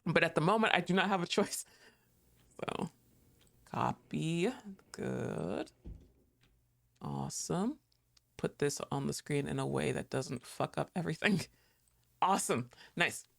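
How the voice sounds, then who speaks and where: A man streams a horror game live, chatting casually, joking, swearing freely, and talking back to the characters on screen. His voice sits on the high side with lively intonation and a fairly bright tone, unhurried and creaky, with frequent pauses.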